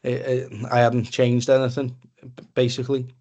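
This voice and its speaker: A young Liverpool man with a Scouse accent gives an informal personal testimony as a speaker for a men's mental health support group, talking plainly and conversationally on an online webinar call. His medium-pitched voice is mellow and delivered completely flat at a normal speed, with a lo-fi sound.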